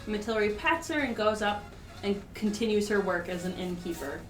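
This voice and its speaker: A woman's voice: medium pitch, animated, fairly quick, far from the mic. A woman narrating as game master of a tabletop game, casual, chatty and giggly. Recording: roomy, from the mic, faint music.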